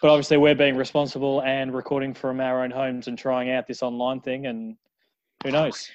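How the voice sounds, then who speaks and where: Male podcast host, broad Australian accent, casual banter, medium pitch, slightly dull home recording. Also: level tone, normal speed, no room sound.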